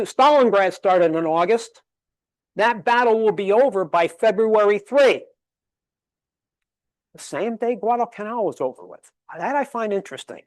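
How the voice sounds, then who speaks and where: In a library meeting room, a man from Connecticut, USA, gives a history lecture at a public library, emphatic, fond of rhetorical questions, and rattling off dates and figures. His voice sits high, and the recording is dry.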